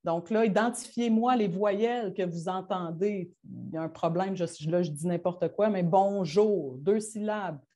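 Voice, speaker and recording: This woman's voice sits on the low side and sounds mellow. She's a teacher with a Quebec French accent sharing her classroom methods with colleagues, hesitant and informal, restarting often and leaning on fillers, and she describes her own delivery as rushing.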